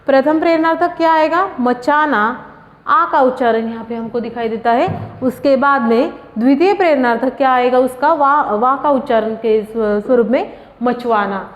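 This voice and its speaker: A woman's voice: high-pitched, normal speed. A woman teaching a grammar lesson, explaining step by step and answering her own questions. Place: classroom or coaching room. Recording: echoey room, dull lo-fi sound.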